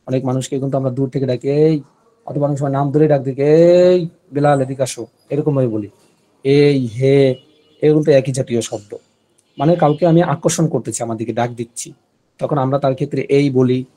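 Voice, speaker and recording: Patient man teaching, mellow voice. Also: medium pitch. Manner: patient, repeats words for dictation. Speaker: Arabic teacher. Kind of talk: online class lesson.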